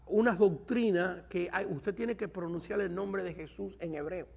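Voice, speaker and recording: A male pastor giving a Bible study lecture to a class, asking rhetorical questions and pausing to search for the right words. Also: high voice, creaky, a little mellow, breathy edge.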